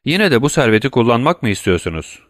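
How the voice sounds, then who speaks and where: A man's voice: medium pitch, sing-song, fast talker, no echo, clean studio sound, natural voice. A man voicing a formal, bewildered notary in an audiobook, asking careful questions. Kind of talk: audiobook reading.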